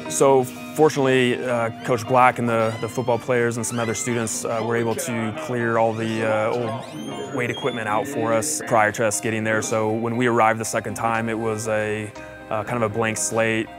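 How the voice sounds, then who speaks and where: A man's voice: medium pitch, little pitch movement, normal speed. A man from a fitness foundation, describing a gym renovation matter-of-factly in a documentary interview. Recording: background music under the voice.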